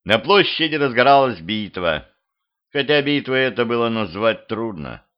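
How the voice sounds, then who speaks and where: A man's voice: medium pitch, sing-song, moderate pace, highs cut off. Man reading a wry horror-comedy audiobook. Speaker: audiobook reader. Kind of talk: first-person humorous narration. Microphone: home microphone.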